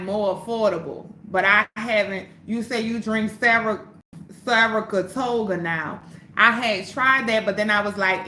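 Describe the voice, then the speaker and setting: A woman's voice: mid-range voice, sharp tone, echoey room, a little hiss or hum. A woman hosting a casual livestream, talking bluntly and profanely to her viewers. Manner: blunt, profane, fired-up pep talk. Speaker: livestream host.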